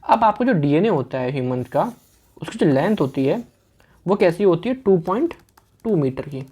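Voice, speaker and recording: A man giving an online medical lecture in a casual, fast way, asking questions and answering them himself and repeating key words. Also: a little high, big pitch swings, dark tone, husky. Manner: casual, fast-talking teacher.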